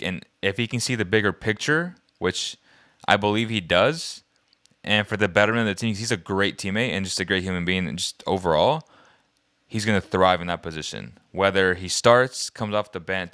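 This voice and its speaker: Male co-host, deep crisp voice, dry close sound, loose sports chatter. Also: no echo. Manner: relaxed, trails off and restarts, laughs easily. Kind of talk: casual sports chat.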